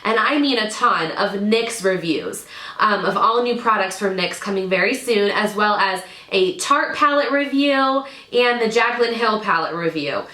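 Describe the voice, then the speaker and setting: Expressive and a little slow, this woman's mid-range voice is bright and forceful. In her thirties and slightly nasal as she gets over a cold, she reviews beauty products to camera at home, chatty and enthusiastic, stressing words through repetition. Her indoor room with drawer units sounds echoey.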